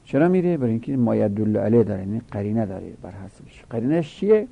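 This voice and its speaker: A man's voice: on the low side, sing-song, vocal fry, warm tone. A middle-aged man teaching a grammar lesson, reciting word forms in rhythmic drills and rising with emphasis on key points.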